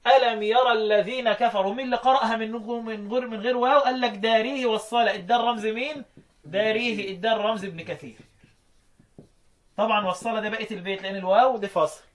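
A man with an Egyptian accent teaching Quran readings, explaining verses to a student, quizzing him often and reciting verses slowly. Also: high voice, fairly even intonation. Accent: Egyptian Arabic.

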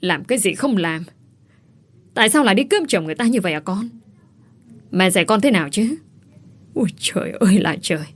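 A woman's voice: medium pitch, lively intonation, fairly quick, pauses often, close to an everyday voice. A woman voicing an elderly mother who scolds and laments, in a reproachful, wailing way. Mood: scolding.

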